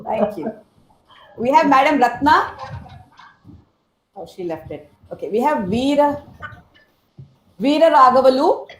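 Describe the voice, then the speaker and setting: A woman's voice: sits high, animated, a little slow, long pauses. A woman moderating an online meeting, calling on participants one by one with brief, polite prompts. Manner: polite, brief prompts with frequent "yes, sir". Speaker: session moderator. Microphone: video call. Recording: echoey video call audio.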